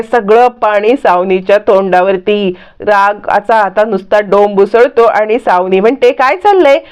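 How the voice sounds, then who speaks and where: A woman retelling a TV serial plot as a storyteller, in a dramatic, animated way. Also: fairly high pitch, clear, resonant tone.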